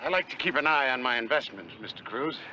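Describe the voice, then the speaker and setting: A man's voice: medium pitch, lively intonation, quick pace, sharp tone, slight background noise. An actor playing a shrewd, skeptical businessman with a curt, commanding manner in a vintage TV western. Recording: dull vintage TV soundtrack.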